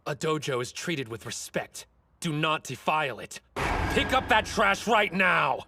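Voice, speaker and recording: A man's voice: on the high side, normal speed, noisy background, lightly acted. A man voicing a short, fiercely determined teenage sumo wrestler in an anime dub, blunt and confident. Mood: stern.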